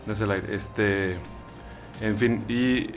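A man hosting a casual political chat, quick and hesitant with many fillers. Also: fairly low pitch, steady tone, over music. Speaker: political commentary host.

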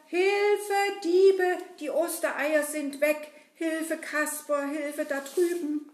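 A woman voicing a gentle, anxious Easter bunny in a children's puppet show, soft and plaintive. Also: a little high. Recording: roomy echo.

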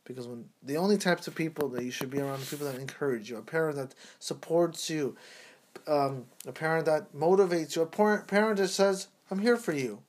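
A man's voice: fairly high pitch, brisk. A man in his thirties co-hosting a casual talk show, speaking in an earnest, preachy, emphatic way. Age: 30s. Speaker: podcast co-host.

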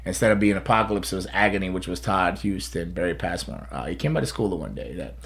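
A man's voice: low voice, animated, fast talker, gravelly, a bit bright. A man hosting a casual chat in a rambling storyteller's way. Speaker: podcast host, pro wrestler.

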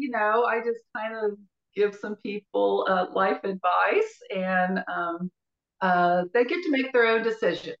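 An older woman, a business and life coach, talking casually in an interview, relaxed and rambling with many fillers. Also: mid-range voice. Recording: roomy, dull-sounding audio.

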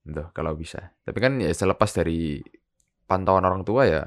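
A man's voice: low-pitched, normal speed. A young man talks loosely in a podcast chat. He tells stories with energy, drops into acted-out voices of other people, and laughs often. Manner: animated storytelling, acts out people he quotes. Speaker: podcast co-host. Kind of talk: casual chat.

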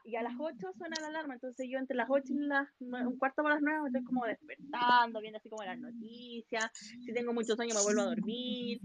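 A Chilean woman with a high voice tells a story in casual chat. She talks in an animated, slangy way. The sound is dull and dry, with no room echo.

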